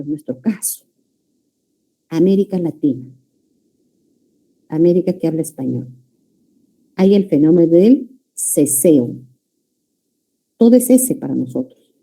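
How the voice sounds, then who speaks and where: A woman giving a pre-university language lecture, often checking in with her students with a quick "ya?" or "no?". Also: fairly low pitch, mellow, slightly rough. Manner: calls students "jóvenes", checks understanding with frequent "¿ya?" and "¿no?". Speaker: language teacher.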